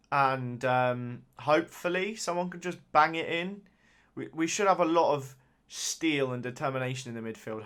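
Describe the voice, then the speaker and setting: A gaming YouTuber offers casual commentary while musing over a football sim. His medium-pitched, slightly bright voice sounds hesitant, full of fillers and restarts.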